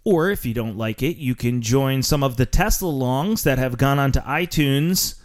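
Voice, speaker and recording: A man's voice: mid-range voice, moderate pace. A man with a Philadelphia accent hosting a podcast in a brash, sarcastic, profane monologue, laughing at his own jokes. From Philadelphia area. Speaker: podcast host.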